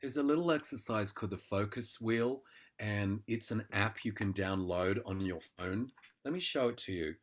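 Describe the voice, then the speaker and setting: A man's voice: on the low side, normal speed. A man, an actor and acting teacher, talking through an exercise in a conversational interview and acting out inner thoughts in quotes.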